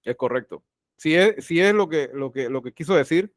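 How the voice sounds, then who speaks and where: A man's voice: a little high, lively intonation, normal speed, no echo, studio quality. A man teaching an online class over a video call, who often repeats his phrases and puts questions straight to his students. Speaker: university teacher.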